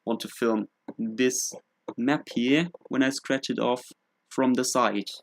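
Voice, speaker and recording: Young man, casual live-streamer, self-mocking, thinks out loud. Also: medium pitch, steady tone, slow pace, vocal fry, slight background noise. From Germany. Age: 20s. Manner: self-mocking, rambling, thinking aloud while setting up. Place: home room in England.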